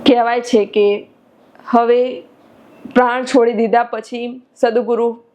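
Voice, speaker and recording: A woman's voice: on the high side, little pitch movement, takes it slowly, a little mellow, a little hiss or hum. A woman spiritual teacher telling a devotional story in an earnest, emotive way. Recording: dull lo-fi recording.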